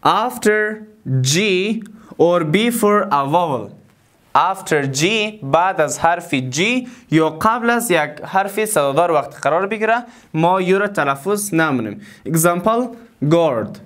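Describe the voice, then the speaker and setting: A man giving an English lesson. He says his example words slowly and deliberately, and repeats each one. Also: high voice, expressive, a bit bright. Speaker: English teacher. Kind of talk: language lesson.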